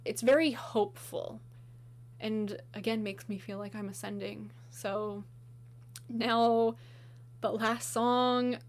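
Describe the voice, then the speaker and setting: A woman chatting casually as she ranks songs, gushing and enthusiastic, with lots of filler words and a slightly hoarse voice. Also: a little high, steady tone, takes it slowly. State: slightly hoarse, losing her voice. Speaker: video host. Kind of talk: casual music ranking chat.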